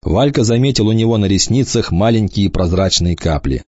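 A man reading a children's novel aloud in an expressive way, shifting into voices for the characters. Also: lowish voice, moderate pace, dry recording, dull audio. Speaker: audiobook reader.

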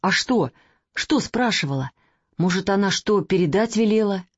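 A woman's voice: mid-range voice, animated, moderate pace, husky, no room sound. Woman doing a lovesick young guy from a storybook, anxious and eager, slightly dull audio. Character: young man, lovesick and emotional. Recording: dry, slightly dull recording.

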